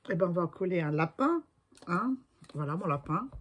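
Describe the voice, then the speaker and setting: A woman's voice: on the low side, expressive, normal speed, husky. A woman in her sixties chatting through a crafting tutorial, talking to herself as she works and often trailing off to a murmur. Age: 60s. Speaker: crafting video maker.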